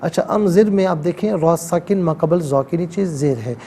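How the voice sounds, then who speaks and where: A man teaching Quran recitation on television. He explains the reading rules word by word in a steady, methodical way and chants the verses slowly and melodically. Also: fairly high pitch. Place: TV studio.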